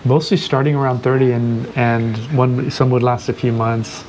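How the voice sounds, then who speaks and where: A man in his sixties from the United States, recounting his past in a relaxed, rambling way with many pauses. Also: medium pitch. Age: 60s. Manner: relaxed, rambling, hesitant fillers. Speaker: host. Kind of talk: casual chat. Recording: noisy background hiss.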